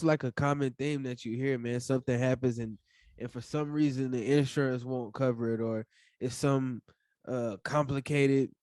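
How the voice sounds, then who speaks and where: A man hosting a podcast, asking relaxed questions with many fillers like "you know". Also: medium pitch, no room sound. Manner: laid-back, filler-heavy, says "for sure" and "man". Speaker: podcast host. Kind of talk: casual interview questions.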